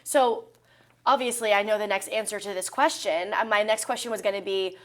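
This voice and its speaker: A woman's voice: mid-range voice, steady tone, brisk. A woman interviewing someone in a conversational style.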